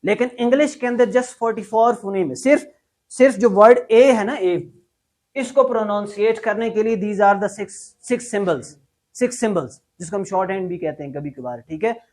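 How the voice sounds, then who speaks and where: A man's voice: high voice, normal speed. Pakistani man teaching an English class. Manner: drills the class in loud call-and-response. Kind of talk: classroom lecture.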